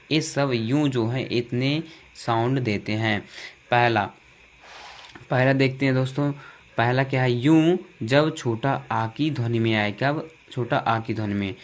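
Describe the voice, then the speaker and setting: A young man with a Hindi accent, teaching English vowel sounds by asking questions and answering them himself, with lots of repetition. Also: mid-range voice. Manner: repetitive call-and-response drilling, asks and answers himself.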